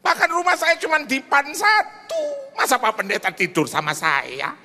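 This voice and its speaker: A man voicing a persistent elderly widow of about eighty who talks slowly and pleadingly, in an echoey church hall. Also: extremely high pitch, big pitch swings, pushed and bright, slight background noise, voice pushed up, heavily acted. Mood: fretful. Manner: slow, drawn-out pleading speech.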